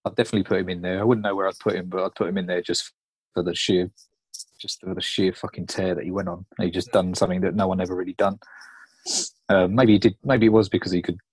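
A man's voice: deep voice, little pitch movement, quick pace, a little mellow, slightly rough, no room sound. A man chatting casually on a podcast, a laid-back, sweary storyteller. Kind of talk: casual chat.

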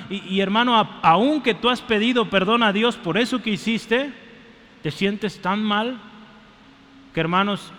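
A man preaching to his congregation in a high, bright, forceful voice. He speaks with energy and keeps calling out to the people in front of him. His voice rings through a church with a long reverb. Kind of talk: sermon.

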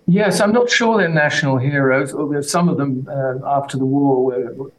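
A man, a guest author, answering radio interview questions in a hesitant, halting way over a remote line that sounds like an echoing tunnel. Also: medium pitch. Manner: hesitant, halting, restarts words. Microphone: remote connection into a radio studio.

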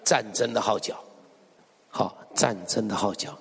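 A man's voice: on the low side, unhurried, creaky, fairly bright tone, breathy edge, in a large hall. A male pastor preaching a sermon, emphatic and full of rhetorical questions to the congregation. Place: church hall.

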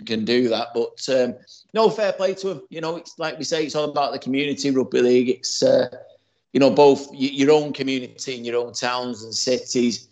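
A man's voice: medium pitch, darkish tone, lo-fi sound. A man co-hosting a casual podcast who rambles earnestly with lots of restarts. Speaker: podcast co-host.

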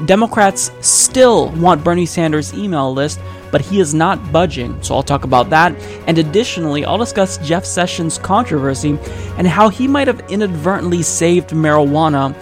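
A man's voice: on the high side, no echo. An American man hosting a political podcast, giving opinionated, emphatic commentary with a sardonic edge. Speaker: podcast host. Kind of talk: political commentary, partly scripted.

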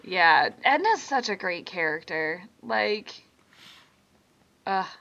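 Young woman chatting about movies, unhurried, fillers everywhere, kinda dull lo-fi sound. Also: lowish voice, sing-song, gravelly, pushed and bright. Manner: chatty, filler-heavy, playfully opinionated. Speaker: podcast co-host. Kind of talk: casual movie discussion. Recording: slightly dull lo-fi audio.

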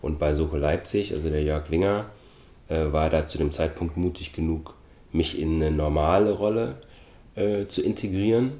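A middle-aged man from Austria, an actor speaking as an interview guest in a thoughtful, measured way with frequent hesitations. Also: very deep voice, warm tone, roomy sound. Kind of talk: relaxed interview talk.

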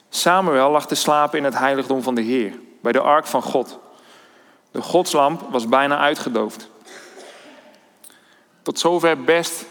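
A man delivering a sermon in a church hall, his mid-pitched voice carrying a long reverb tail. He speaks thoughtfully, hesitating on fillers and restarting his sentences as he works through his points. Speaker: preacher.

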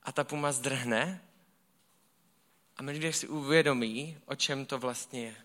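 A man preaching a sermon, telling stories in a casual, colloquial and animated way. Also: medium pitch.

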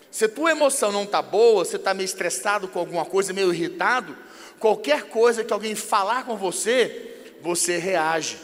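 A man with a Brazilian Portuguese accent preaches in a high, lifted voice, telling everyday stories in a lively way. His words ring out with a long hall reverb behind them, and he slips into acted dialogue as he explains. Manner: lively storyteller who acts out dialogues. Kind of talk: informal sermon on marriage.

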